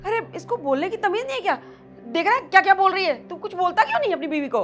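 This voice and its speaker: Mother-in-law, complaining, pleading, very high voice, played by a woman, faint music. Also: big pitch swings, very fast, a bit bright, full character voice.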